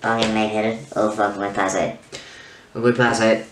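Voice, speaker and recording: A man in his twenties with a squeaky helium voice, reciting movie quotes in an exaggerated, theatrical way. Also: flat delivery, moderate pace, fairly bright tone, slight background noise. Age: 20s. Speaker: vlogger doing a challenge. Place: bedroom, indoors. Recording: roomy bedroom sound.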